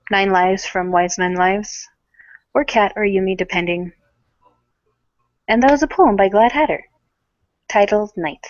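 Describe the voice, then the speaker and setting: A woman on a livestream who speaks in brief, laid-back replies. Her voice sits at a middle pitch. The sound is dry and close, with a dull, lo-fi edge. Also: measured pace, long pauses, no room sound. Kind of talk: casual chat. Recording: dry, dull lo-fi stream audio.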